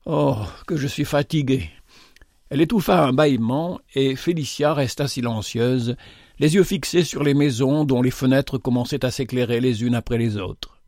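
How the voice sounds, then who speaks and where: A man narrating a novel in a measured, expressive audiobook reading. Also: medium pitch, dry recording, clean studio sound.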